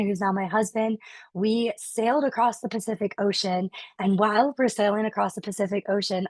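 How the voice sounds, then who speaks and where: Woman with a worn-out voice pitching live. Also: no room sound. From Florida, USA. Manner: upbeat, addresses the chat directly. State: losing her voice. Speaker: webinar presenter. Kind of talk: live online sales pitch.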